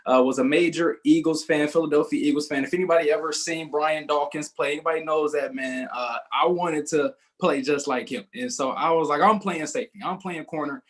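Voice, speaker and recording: A man's voice: a little high, steady tone, fairly quick, few pauses. A young man from Southern California training a sales team on a group call, upbeat and self-assured as he tells his own story.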